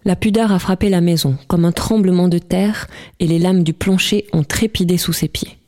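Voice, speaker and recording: A woman reading a novel aloud as an audiobook in a calm, measured way. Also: lowish voice. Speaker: audiobook reader. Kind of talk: scripted literary narration.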